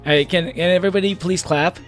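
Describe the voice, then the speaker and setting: While playing a game on stream, a man chats casually with his viewers, rambling, restarting sentences and laughing often. His voice sits a little high for a man, steady in tone and brisk, with faint game music behind him.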